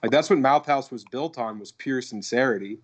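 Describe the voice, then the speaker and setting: A man's voice: medium pitch, normal speed. A man in his thirties from Colorado, a guest comedian chatting casually on a video call, rambling and swearing with lots of "like" and "dude". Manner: rambling and profane, leans on "like" and "dude". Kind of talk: casual podcast chat.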